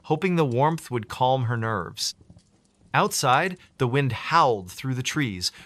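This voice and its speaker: A man reads a scary bedtime tale with dramatic, suspenseful pacing. His pitch swings widely and his tone is bright and forceful. The sound is dry and close, with no room around it. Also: no echo. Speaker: narrator. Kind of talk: scripted horror story narration.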